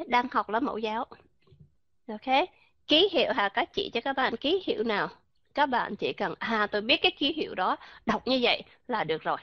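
A woman's voice: fairly high pitch, no room sound. Chatty woman teaching online. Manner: chatty, peppered with "ok" and English words, rhetorical questions. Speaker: English pronunciation teacher. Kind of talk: live online pronunciation class. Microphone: computer mic in a voice chat room. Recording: dull lo-fi online voice chat audio.

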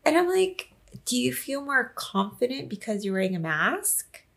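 A young woman co-hosting a podcast, telling an animated story in casual chat and laughing often. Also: fairly high pitch, moderate pace, vocal fry. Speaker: podcast co-host.

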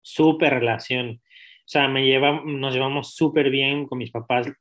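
Man, young adult, direct and candid, interview guest, middle pitch. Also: steady tone, moderate pace, a bit bright. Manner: direct, candid, many restarts and fillers. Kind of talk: personal storytelling in an interview.

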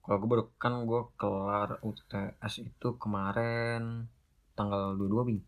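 A man's voice: on the low side, little pitch movement, a little slow. A man in his twenties with a Jakarta accent hosts a casual podcast, bantering in coarse Jakarta slang and repeating words. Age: 20s. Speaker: podcast host.

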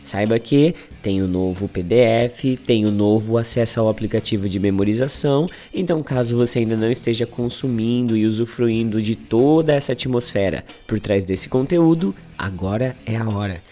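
A hoarse man from Brazil teaching English, drilling phrases with energetic, quick patter. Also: fairly low pitch. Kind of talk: language lesson drills.

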